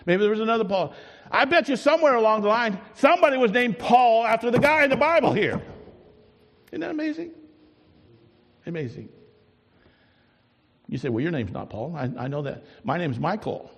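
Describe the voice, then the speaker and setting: A man preaching a sermon as a pastor, moving from quiet reflective asides to loud, emphatic declarations, and ending in prayer. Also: high-pitched, quick pace, in a large hall. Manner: swings from soft musing to loud emphatic preaching.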